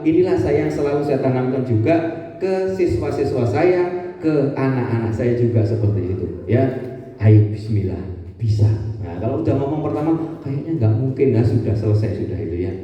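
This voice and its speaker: A male Islamic teacher leads a lively call-and-response talk for parents in a school hall. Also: mid-range voice, a little fast, highs cut off. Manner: energetic, call-and-response, shouts counting cues. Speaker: ustaz giving a talk to parents. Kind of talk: lively interactive religious talk. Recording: echoey hall, voice from a distance.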